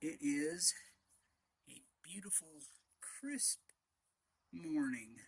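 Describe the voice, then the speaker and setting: A middle-aged man in a casual, rambling vlog chat, speaking in short, leisurely phrases with pauses, outdoors on a front deck. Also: medium pitch, fairly even intonation, a bit bright. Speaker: vlogger.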